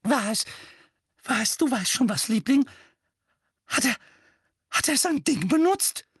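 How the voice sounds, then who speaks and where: A man reading an audiobook and voicing a shrill, frantic aunt who fusses over her son. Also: expressive, slow pace, slightly rough, dry recording, studio quality, full character voice. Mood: cooing anxious. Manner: shrieking, frantic, cooing. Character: shrill fussing middle-aged aunt, doting mother. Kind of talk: audiobook character voice.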